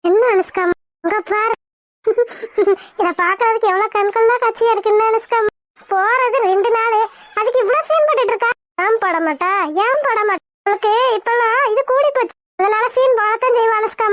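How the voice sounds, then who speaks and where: A woman's voice: very high voice, brisk, a bit bright, dry recording, clean studio sound. A woman voicing a scheming, jealous mother in a cartoon, spiteful and sneering.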